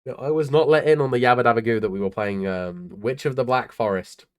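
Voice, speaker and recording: A man's voice: mid-range voice, fairly quick, clear, resonant tone. A tired young man casually talking through his tournament card deck in a laid-back, rambling way, with lots of ums and uhs. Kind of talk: casual deck profile talk.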